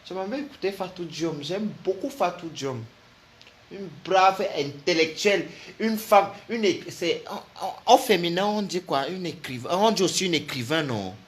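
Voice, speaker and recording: A man tears into someone in a comic vlog rant, mocking and laughing as he goes. His voice sits high for a man. His pitch leaps and swoops constantly. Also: moderate pace. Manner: animated, mocking, trading insults with laughter. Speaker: vlogger. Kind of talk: comic ranting monologue.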